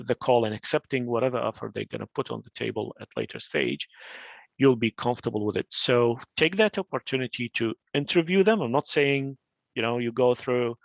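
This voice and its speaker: An Iraqi man with a gravelly, medium-pitched voice gives career advice in an informal talk over a video call. His advisory delivery is full of fillers and restarts, and the audio is dull with no echo.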